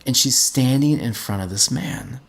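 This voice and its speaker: A man's voice: mid-range voice, moderate pace, gravelly. A middle-aged man, a podcast host, telling a personal story in an earnest way and often repeating words as he gets going.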